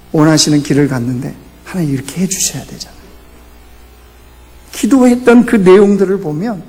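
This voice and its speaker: A man preaching a Sunday sermon as pastor, asking rhetorical questions, climbing to emphatic peaks and then dropping low. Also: darkish tone. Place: church sanctuary. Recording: church hall reverb.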